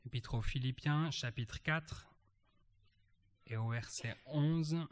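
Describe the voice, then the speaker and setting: Halting man reading scripture. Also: medium pitch. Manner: halting, searching for words. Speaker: church member sharing a reflection. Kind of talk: Bible reading and reflection. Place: church meeting.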